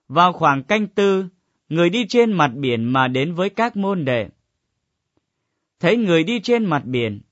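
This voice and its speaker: Man reading scripture, measured and solemn, slightly high voice, dry muffled recording. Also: fairly bright tone, no echo.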